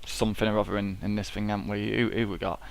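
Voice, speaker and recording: A man's fairly low voice is level, fast and creaky, with a clean tone and no room sound. Sniffly from a cold, he gives casual let's-play commentary on a space game at his computer, chatty, rambling and swearing freely.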